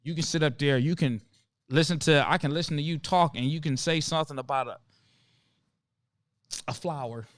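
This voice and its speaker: A laid-back man hosts a casual livestream chat in a fairly high voice with no echo. He calls out viewers by name and stretches words out for emphasis.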